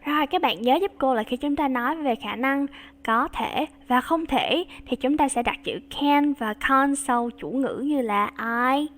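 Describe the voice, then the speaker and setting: Slow, high-voiced woman teaching children English. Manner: slow, bright and encouraging with young learners; models English phrases slowly, switches to Vietnamese to explain.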